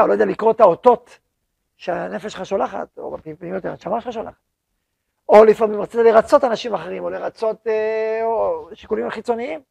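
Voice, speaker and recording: A man lectures his yeshiva students in an animated way, repeating words to drive his points home. His voice sits high for a man and is heavily gravelly and husky. The sound is close and dry. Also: no room sound. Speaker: yeshiva head rabbi.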